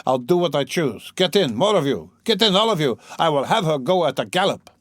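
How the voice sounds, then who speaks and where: A man voicing a brutal drunken peasant who shouts ferociously, in an audiobook reading. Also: on the high side, sing-song, brisk, dry recording, clean studio sound, voice pushed up. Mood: furious.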